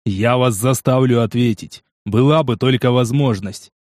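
An audiobook narrator with a mid-range voice reads a dark first-person story aloud, delivering it intensely and dramatically at a moderate pace. The recording is dry, with clean studio sound.

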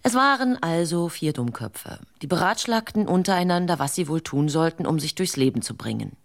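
A woman's voice: sits low, expressive, a little fast, gravelly. A woman reading a fairy tale as a radio story, dry and wry in her manner.

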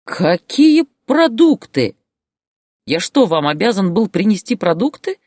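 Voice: medium pitch, moderate pace, no echo, clean studio sound, lightly acted. A storyteller voicing a furious bullying husband who roars and barks insults, in an audiobook character voice. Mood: raging. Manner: roaring, barking, insulting.

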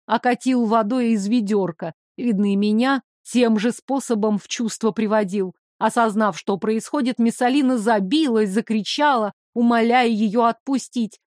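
A woman narrating a first-person fantasy novel in a steady, expressive storytelling voice. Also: on the high side, dry recording, clean studio sound. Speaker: audiobook narrator.

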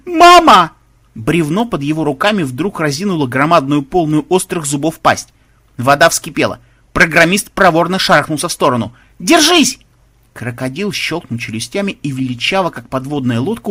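A man reading an audiobook aloud with expressive, dramatic narration. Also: a little high, fairly quick, breathy edge.

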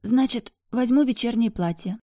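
A petulant young woman , as the audiobook reader puts her on, speaks high and loud, demanding and whiny. She sounds indignant and pleading. The recording is close and dry. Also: moderate pace, dry recording, lightly acted. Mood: calm. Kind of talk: audiobook dialogue.

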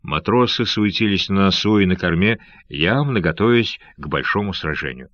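A man reading an adventure novel aloud as an audiobook narrator, in a steady, measured way, recorded dry and a little dull. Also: low-pitched, no room sound.

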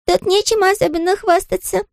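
A tiny yellow storybook chick girl with a very high, squeaky voice, always chattering and asking eager questions. The voice is dry and close, with no room around it. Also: fairly even intonation, a little fast, gravelly, no echo. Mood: curious.

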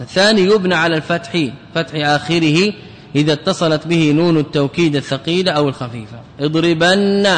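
A man teaching classical grammar as a sheikh, drilling example words and putting quick questions to his listeners. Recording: long reverb with faint rumble.

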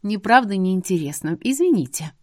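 A woman's voice: mid-range voice, animated, moderate pace, dry recording, studio quality, close to an everyday voice. A woman voicing a stubborn young heroine who talks back insistently in a storybook reading. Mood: alarmed. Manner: insistent, exclaiming.

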